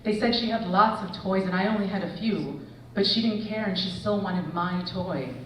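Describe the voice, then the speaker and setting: A woman in her forties, an English professor, reading a personal essay aloud with expressive storytelling. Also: medium pitch, moderate pace, recorded from a distance, slight background noise. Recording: echoey hall, voice from afar.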